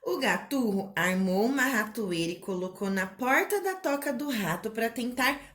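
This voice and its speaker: A woman teaching a spelling lesson to young children in a slow, sing-song way, with a Brazilian Portuguese accent. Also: a little high, expressive, fairly bright tone. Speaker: primary school teacher. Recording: echoey room.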